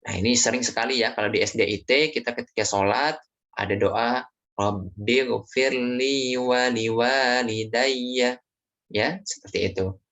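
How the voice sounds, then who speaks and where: Man, teacher, low voice, patient classroom lesson for kids, gentle explaining. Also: fairly quick, breathy edge. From Indonesia. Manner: acts out children's lines in a raised voice.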